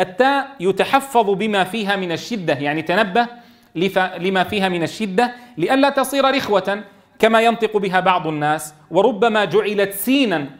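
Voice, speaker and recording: A man teaching Quran recitation to a class, quizzing students and sounding out letters slowly. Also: high-pitched, fairly bright tone. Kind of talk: classroom tajweed lesson.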